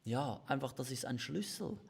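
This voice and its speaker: A man's voice: mid-range voice, lively intonation, moderate pace, gravelly, husky. A man with a Swiss German accent, a pastor co-hosting a live-streamed marriage chat, talking in an earnest, confessional way. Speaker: pastor and co-host of a marriage talk. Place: church office.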